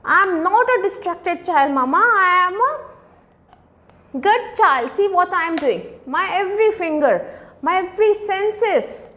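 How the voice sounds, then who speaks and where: A woman's voice: very high voice, animated, unhurried, sharp tone, pitched above the performer's own voice, exaggerated voice. A woman voicing a young child who eagerly tells its mother how well it is doing. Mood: proud.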